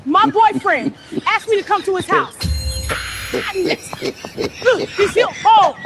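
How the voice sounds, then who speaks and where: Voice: extremely high pitch, expressive, slow, over loud music, exaggerated voice. A performer voicing a sassy, accusing woman in an exaggerated comedy skit, brash and confrontational. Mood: teasing, accusing.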